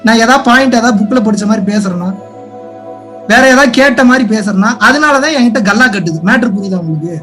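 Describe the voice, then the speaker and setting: Very high-voiced man pleading in spiritual talk. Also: expressive, quick pace, faint music behind. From India. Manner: pleading, rhetorical questions, swings from soft to loud. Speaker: spiritual teacher. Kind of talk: impassioned spiritual talk to an online audience.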